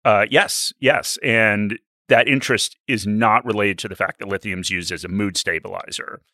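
A man's voice: on the low side, fairly even intonation, moderate pace, bright, forceful tone, dry recording. A man, co-hosting an investing podcast with dry jokes and plain explanations. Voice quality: raspy. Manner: dry, joking, then explanatory with figures. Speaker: podcast co-host. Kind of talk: casual investing podcast chat.

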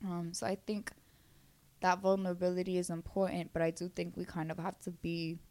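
A woman's voice: lowish voice, little pitch movement, a little fast, darkish tone. Blunt woman with a Brooklyn accent. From Brooklyn, New York. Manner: blunt, frequently swearing, slangy. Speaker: interview guest. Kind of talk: candid casual conversation.

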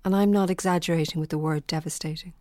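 A woman delivers scripted documentary narration, earnest and emphatic. Her voice sits low and the recording is close and dry. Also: fairly even intonation, fast talker, a little mellow, no room sound. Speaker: presenter.

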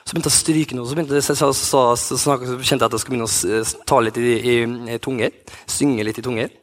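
A man's voice: medium pitch, fairly even intonation. A man in his thirties, a youth pastor, telling a personal story in a sermon with many restarts and fillers. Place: church hall.

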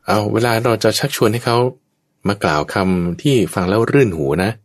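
A man's voice: on the low side, lively intonation, normal speed. A man, a Buddhist monk, giving a patient, explanatory Dharma talk in conversation and now and then acting out everyday speech as examples.

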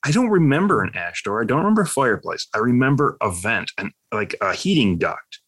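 A man co-hosting a podcast, chatting casually and telling stories in a rambling, animated way. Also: mid-range voice, brisk, no echo. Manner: rambling, animated storytelling with quoted voices. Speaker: podcast co-host. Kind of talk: casual chat.

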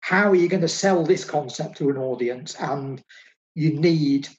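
A man's voice: on the high side, measured pace, lo-fi sound. A man co-hosting a casual film discussion, talking enthusiastically and repeating phrases for emphasis. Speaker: film podcast co-host.

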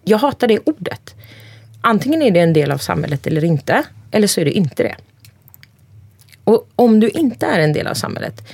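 A woman in her forties, an interview guest speaking bluntly and emphatically, swearing freely and listing things off in quick runs. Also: fairly low pitch, creaky, a little mellow, breathy edge, dry recording. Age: 40s. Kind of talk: candid conversation.

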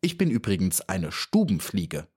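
A man's voice: huge pitch swings, moderate pace, a little mellow, husky, heavily acted. A man voicing a cheeky, boastful little female housefly in a storybook reading, cocky and dismissive. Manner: cocky and dismissive, then shrill and pleading.

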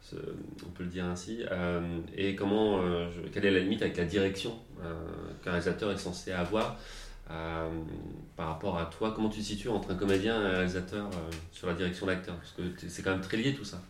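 A man with a very low voice asks long, winding interview questions with many fillers. The sound is roomy and echoey, with faint clicks behind him. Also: steady tone, fairly quick, a little hiss or hum.

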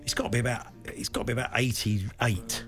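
A man's voice: medium pitch, fairly even intonation, a little fast, fairly bright tone. A man hosting and playing along in a casual, joking podcast guessing game. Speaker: podcast host and contestant.

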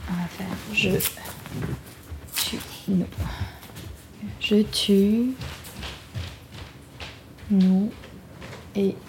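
A woman's voice: mid-range voice, fairly even intonation, drawn-out words, pauses often, a little hiss or hum. A woman from France leading a casual songwriting session in a studio, guiding the steps and reading lyrics aloud. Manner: guiding, self-deprecating, reads lyrics aloud. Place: recording studio.

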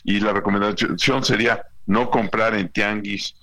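A man's voice: on the low side, steady tone, unhurried, bright, forceful tone. A Mexican man speaking as an industry director on a phone line into a radio show, explaining in a friendly way with "este" fillers and "¿no?" tags.

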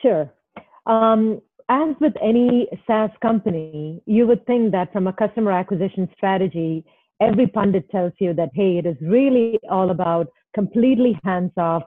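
A woman's voice: mid-range voice, normal speed, no echo. A woman from Kerala with an Indian accent, answering interview questions casually, with hesitant pacing and rephrasing as she goes. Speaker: podcast guest, startup founder. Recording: thin phone-like, roomless dry sound.

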